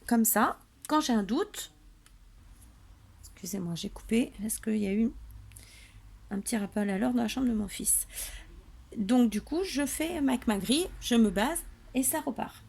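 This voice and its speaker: A woman's voice: a little high, lively intonation, measured pace, gravelly, pauses often, darkish tone, breathy edge. A woman hosting a home papercraft tutorial, drowsy and tired, chatting in a rambling way with lots of fillers. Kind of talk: casual tutorial chat. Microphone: camera on a tripod.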